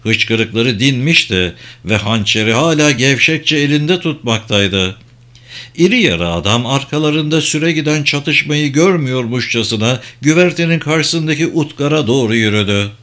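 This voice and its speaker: A male audiobook narrator reads a fantasy story. His delivery is steady and even, at a middling pitch. The narration is scripted and unhurried.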